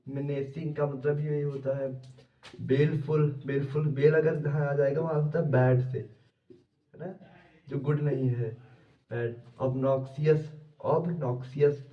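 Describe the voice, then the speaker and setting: A man's voice: on the high side, level tone, unhurried. Guy with a hindi accent drilling vocab words over and over, kinda far from the mic, muffled audio. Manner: repetitive drilling with mnemonic tricks. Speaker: vocabulary teacher. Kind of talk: exam-prep vocabulary lesson. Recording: echoey room, distant mic, dull sound.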